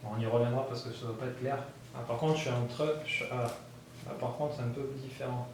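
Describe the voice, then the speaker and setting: A man's voice: mid-range voice, a little fast. Man thinking aloud over a board game. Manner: thinks aloud with many fillers, bursts of excitement at dice rolls. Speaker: board game player narrating a solo playthrough. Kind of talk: casual thinking-aloud gameplay commentary. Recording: very echoey room with faint background noise.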